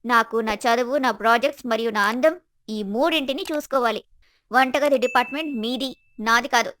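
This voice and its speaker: A woman voicing a spoiled, haughty young college woman who whines and scolds, in an animated story. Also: a little fast, dry recording. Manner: whiny, shrill, haughty.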